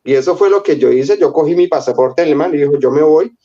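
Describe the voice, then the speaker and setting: A man's voice: on the high side, fast talker, muffled recording. A middle-aged Colombian man with a Colombian Spanish accent, telling a personal story in an interview and acting out the voices of the people in it. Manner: animated, acts out the voices of people in his story. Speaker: interview guest.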